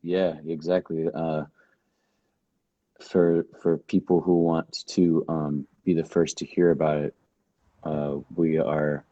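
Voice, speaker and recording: A man's voice: very deep voice, warm tone, no room sound, muffled recording. A man hosting a casual livestream chat, easygoing, with slang and fillers. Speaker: host.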